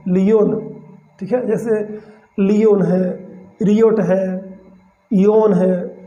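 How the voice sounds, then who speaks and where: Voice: medium pitch, dark tone. A teacher giving a pronunciation lesson, breaking words into single sounds, repeating them, and often checking in with the class. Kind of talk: spoken pronunciation lesson in Hindi. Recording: roomy, slightly dull lo-fi recording.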